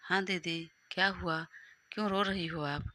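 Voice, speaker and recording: A cheerful, caring teenage brother, played by a woman narrator, comforts his sister eagerly. The lines are slow and very bright in tone, as in a storybook audio drama. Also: fairly low pitch, steady tone, no echo. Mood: concerned, cheery.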